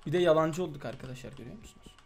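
High-voiced excitable young gamer guy. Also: racing, vocal fry, soft background music. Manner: loud, playful, exclamatory, protesting innocence. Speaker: gaming channel host. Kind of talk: excited gameplay chat with a friend.

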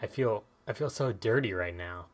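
Over video game music, a man with a fairly low voice hosts a gameplay video at a normal speed. He chats casually and thinks out loud as he plays.

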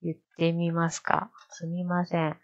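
Woman streamer, low-pitched, unhurried delivery, thinks out loud and repeats lines to practice; dull lo-fi stream audio. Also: monotone, no room sound. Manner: muses aloud, repeats lines slowly to practice. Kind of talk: casual live-stream commentary.

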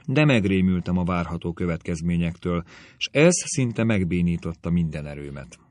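A man voicing a gentle, careful young woman, the elder sister, in a measured audiobook reading. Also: low voice, lively intonation, no room sound. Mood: anxious.

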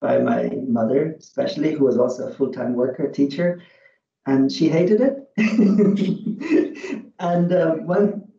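A man's voice: on the high side, expressive, slow pace, gravelly, mellow. Man on a dull, roomy video call. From Afghanistan. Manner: reflective, thinking aloud. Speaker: audience member asking a question. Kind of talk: casual academic discussion. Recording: dull, roomy, distant laptop sound.

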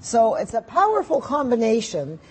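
A woman presenting on a home shopping show, making an emphatic sales pitch in short, repetitive, punchy phrases. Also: very animated, moderate pace, breathy edge. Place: TV shopping studio.

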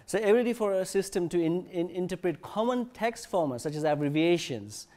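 Halting male tech presenter. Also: high-pitched, lively intonation, darkish tone. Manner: halting, with many fillers and restarts. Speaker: conference presenter. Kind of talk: technical conference talk. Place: conference session room.

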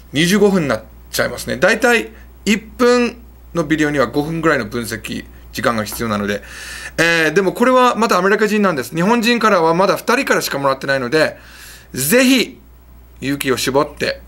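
A man casually explaining English color idioms, chatty and lively, pausing to fix his gear. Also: a little high. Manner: lively, chatty, fixing his setup mid-lesson. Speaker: English teacher.

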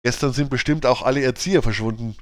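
A man's voice: mid-range voice, quick pace, lightly acted. A man voicing a sporty, caring girl who speaks with pressing concern.

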